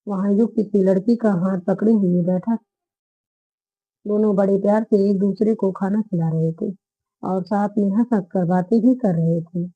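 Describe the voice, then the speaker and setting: A woman storyteller reading a romance story aloud in a steady, even narration. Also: medium pitch, moderate pace, slightly rough, no echo. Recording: phone-like narrow band audio.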